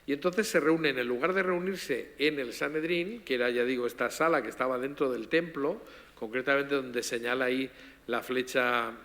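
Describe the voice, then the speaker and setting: A man's voice: mid-range voice, moderate pace, fairly bright tone. A middle-aged man giving a public lecture, explaining at length with asides and self-corrections. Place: lecture hall. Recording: reverberant hall.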